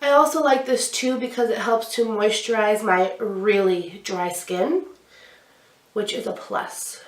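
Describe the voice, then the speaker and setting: In a mid-range voice and at a measured pace, a young beauty vlogger with a cold-induced stuffy nose chats casually while applying makeup, narrating each step. The small room has a glittery backdrop, and the recording comes across roomy, from somewhat far away.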